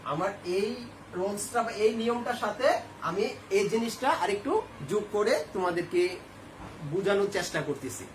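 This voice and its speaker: A man's voice: sits high, animated, normal speed, slight background noise. A male Bangladeshi school teacher explaining a grammar lesson step by step, asking questions and answering them himself. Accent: Bangladeshi Bengali. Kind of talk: classroom lesson to students. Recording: echoey room, faint ambience.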